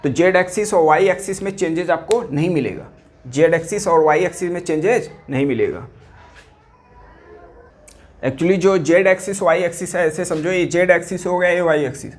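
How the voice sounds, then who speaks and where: A man's voice: fairly high pitch, moderate pace. A male physics teacher giving an exam-prep lecture, asking questions and answering them himself, mixing English terms into his Hindi and repeating key words for students.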